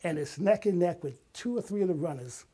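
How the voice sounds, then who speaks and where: Speaking fairly quickly in a high, animated, warm and husky voice, an older man recounts personal stories as an interview guest. A retired artist and playwright, he tells them dramatically and emphatically, acting out quotes.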